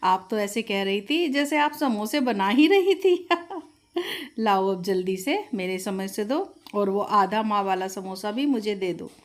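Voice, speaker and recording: A woman's voice: medium pitch, lively intonation, measured pace, voice pushed down, close to an everyday voice. A woman voicing a food-obsessed young girl. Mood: eager. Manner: eager, pleading and whiny about food. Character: greedy teenage girl always hungry.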